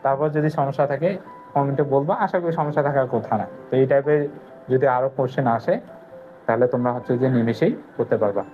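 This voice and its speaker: A man giving a whiteboard grammar lesson, asking his students questions and answering them himself, slowly repeating key words. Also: mid-range voice, steady tone. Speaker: English grammar teacher. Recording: phone-like lo-fi audio with faint music.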